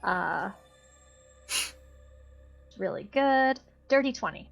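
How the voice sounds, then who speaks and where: A woman's voice: medium pitch, animated, extremely slow, gravelly, muffled recording, soft background music. A woman taking part in a tabletop game, talking casually with the game master.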